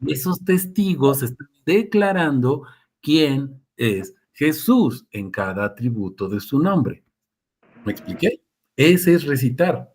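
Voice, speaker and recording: A man's voice: mid-range voice, lively intonation, slow pace, a little mellow, husky. Man; casual preacher taking questions, acts out quotes. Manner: conversational, asks listeners often, acts out quotes. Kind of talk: sermon with live Q&A.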